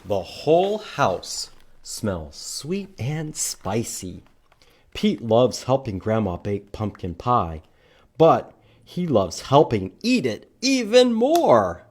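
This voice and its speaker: In a read-aloud storytime for young children at a library, a man uses a sing-song, exaggerated manner, asking questions and leading counting songs. His mid-range voice swoops wildly in pitch, sounds slightly rough, and takes things slowly.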